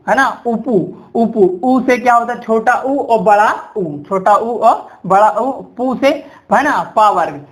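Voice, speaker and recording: Woman teacher drilling rules with "है ना" checks. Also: fairly high pitch. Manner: keeps asking "है ना" and "ठीक है", repeats rules in a chant. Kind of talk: exam-prep grammar lesson.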